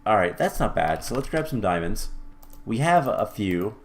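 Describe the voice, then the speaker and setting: A fairly low-pitched man talks through his gameplay at a desk mic, stopping to think aloud with plenty of "uh"s and quick self-corrections. Now and then he drops a dry, wry aside. Faint keyboard clicks and typing sit behind him. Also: very animated, slight background noise. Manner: thinks aloud with many fillers and restarts. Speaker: let's-play host. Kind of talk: casual gameplay commentary.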